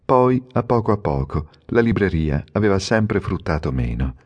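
A man narrating an audiobook in a measured, expressive storytelling manner. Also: deep voice. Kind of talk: scripted narration.

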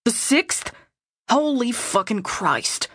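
A woman voicing a brash, excitable teenage boy who swears loudly, in an audiobook. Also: fairly high pitch, slow pace, no echo, studio quality, full character voice. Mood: outraged. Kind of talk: audiobook character voice.

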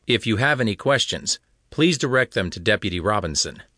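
Man voicing a calm low police captain. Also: a little fast, no echo, clean studio sound. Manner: composed, calm and authoritative. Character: composed male small-town police captain.

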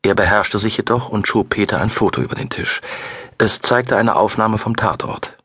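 A male narrator reads a suspense audiobook with a low voice. His tone is husky, the delivery measured and steady. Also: dry recording, studio quality. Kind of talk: scripted narration.

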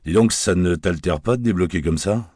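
A man's voice: sits low, normal speed, a little mellow, no room sound. A man voicing a world-weary, wisecracking male private detective with dry, sardonic talk.

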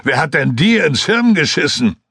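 A man voicing a gruff, blunt-talking male forest hunter. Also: fairly high pitch, big pitch swings, moderate pace, bright, forceful tone, no echo, studio quality, pitched above the performer's own voice, exaggerated voice. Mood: exasperated. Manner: blunt, coarse-mouthed.

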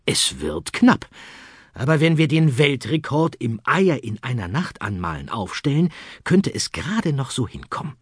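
A busy, bossy Easter Bunny barks out orders in a pinched, raised voice, as a male audiobook narrator plays him. The tone has a husky grain and stays close and dry. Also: medium pitch, big pitch swings, moderate pace, no room sound, pitched above the performer's own voice. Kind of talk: children's audiobook acting.

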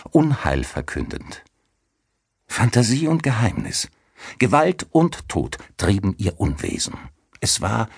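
A man's voice: low voice, vocal fry, breathy edge, dry recording. A man reading a mystery audiobook with dramatic, suspenseful storytelling into a studio mic. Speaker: audiobook narrator. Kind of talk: scripted narration.

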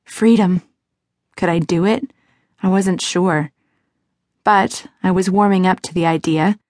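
A woman reading a first-person novel aloud as an audiobook narrator, in a measured, expressive way. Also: fairly low pitch, no echo, clean studio sound.

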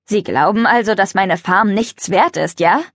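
Brief: gruff, proud old farmer grandpa, read by a woman for a kids' audiobook, dry sound. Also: medium pitch, moderate pace, no echo, natural voice. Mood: earnest. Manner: gruff, plainspoken. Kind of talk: storybook reading.

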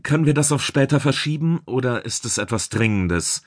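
A man voicing a gruff middle-aged chief engineer who barks blunt orders in a sci-fi audiobook. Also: medium pitch, animated, fairly quick, no echo, studio quality, voice pushed up. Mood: commanding.

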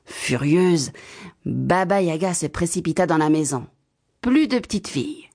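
A woman narrating a children's storybook in an expressive, clear way. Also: fairly low pitch, a little slow. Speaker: audiobook narrator.

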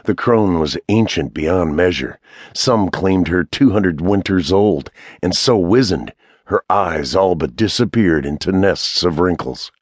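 A man narrating a fantasy audiobook in a measured, even storytelling manner. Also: low voice, breathy edge, no room sound.

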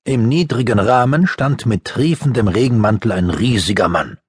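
A man reading a youth fantasy audiobook with lively storytelling. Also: lowish voice, slightly rough, no room sound, clean studio sound. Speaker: audiobook narrator. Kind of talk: scripted narration.

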